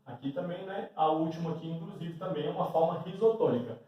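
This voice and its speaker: A man's voice: on the high side, quick pace, highs cut off. A male teacher giving a grammar lesson at a board with a Brazilian Portuguese accent, often checking in with a questioning "né?". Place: classroom with a board. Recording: very echoey room, mic far away.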